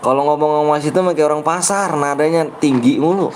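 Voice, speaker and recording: A man's voice: fairly high pitch, fast talker, a little mellow, slight background noise. A young man with a Betawi accent streaming a game, grumbling and bickering with his chat in slangy casual talk. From Jakarta, Indonesia.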